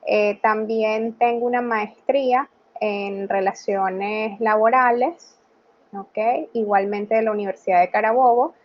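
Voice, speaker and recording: A woman in her thirties speaks as a guest on a video-call interview. Her voice sits at a middle pitch, and she talks in a relaxed, conversational way, filling pauses with "eh" and "ok". The audio is a little dull and lo-fi. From Venezuela. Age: 30s. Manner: conversational, frequent "eh" and "ok" fillers. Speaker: guest, graphologist.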